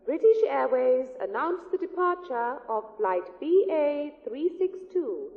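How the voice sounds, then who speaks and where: Woman over an echoey airport loudspeaker. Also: sits high, sing-song. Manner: slow, measured, formal delivery. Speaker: airport announcer. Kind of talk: scripted public-address announcement. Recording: echoey, phone-like loudspeaker sound.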